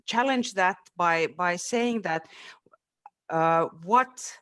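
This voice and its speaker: A city education official from Finland, a man whose first language is Finnish, talks very slowly in a webinar discussion recorded on a video call. His high-pitched voice is bright, forceful, clear and resonant, yet he stumbles, using many fillers and restarting often.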